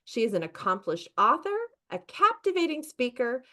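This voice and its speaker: Lively-voiced woman podcast host. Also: fairly high pitch, normal speed. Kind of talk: podcast interview.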